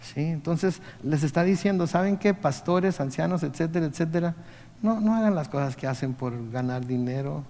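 Pastor preaching in a reverberant hall. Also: male voice, on the high side, moderate pace, mellow. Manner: conversational preaching, rhetorical questions to the congregation. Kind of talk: sermon.

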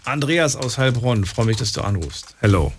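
A man's voice: medium pitch, lively intonation, moderate pace, background noise. A man hosting a late-night radio call-in show, eagerly asking his caller probing questions.

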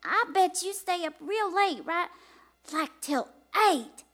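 A woman's voice: very high-pitched, animated, slow pace, a bit bright, heavily acted. A wide-eyed five-year-old girl. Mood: eager. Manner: eager, wide-eyed kid talk. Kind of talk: live comedy radio play.

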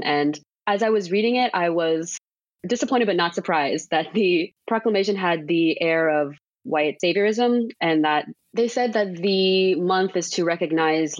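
Woman co-host, low voice, earnest analytical podcast talk, dead-dry sound. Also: no room sound. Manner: earnest, with frequent "like" fillers. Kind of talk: podcast discussion.

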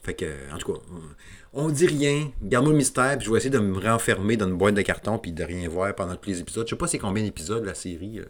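Rambling Québécois man, lowish voice. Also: fast, few pauses. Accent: Québécois French. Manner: rambling, casual, self-deprecating with many fillers and restarts. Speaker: video game podcast host. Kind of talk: solo podcast chat.

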